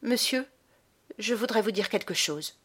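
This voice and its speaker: A woman's voice: medium pitch, expressive, measured pace, slightly rough, pitched above the performer's own voice. Woman voicing Edgar, a furious young boy. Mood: cold defiance. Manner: shouting accusations, sharp and cutting. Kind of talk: audiobook character reading.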